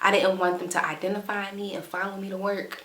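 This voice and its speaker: A woman in her twenties telling a storytime vlog, animated and dramatic, reenacting scenes. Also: mid-range voice, fairly quick. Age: 20s. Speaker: vlogger. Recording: echoey room.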